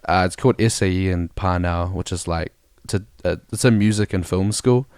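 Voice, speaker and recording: A man's voice: low voice, fairly quick, darkish tone, smooth, no echo, clean studio sound. A young man with a New Zealand accent chatting casually as a rapper guest, laid-back and slangy. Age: young adult. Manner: laid-back slangy talk, says bro a lot. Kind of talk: casual interview chat.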